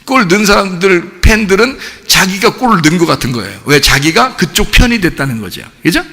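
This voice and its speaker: A middle-aged male pastor giving a sermon in a church, animated, putting questions to the congregation and acting out cheering crowds. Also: high-pitched, fairly quick. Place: church sanctuary. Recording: church hall with long reverb.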